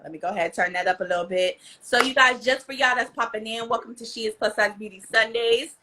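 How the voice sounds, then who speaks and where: A woman's voice: a little high, fast talker, bright, forceful tone, a little hiss or hum. An American woman hosting a casual live interview with slangy, effusive hype. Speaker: host.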